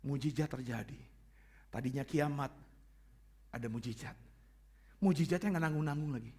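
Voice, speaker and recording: A pastor preaching a dramatic sermon in a church, swinging between hushed asides and shouted points. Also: male voice, medium pitch, moderate pace, breathy edge.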